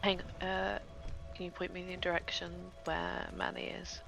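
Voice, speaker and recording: A woman's voice: on the low side, flat delivery, normal speed, vocal fry, low-quality recording. A woman chatting casually as a tabletop game player, joking and self-deprecating, with music behind.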